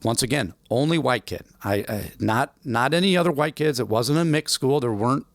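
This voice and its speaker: Man in his forties, podcast guest, lively storytelling, dry close sound. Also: medium pitch, fairly quick, no echo. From United States. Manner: animated storyteller, acts out quotes. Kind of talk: storytelling interview.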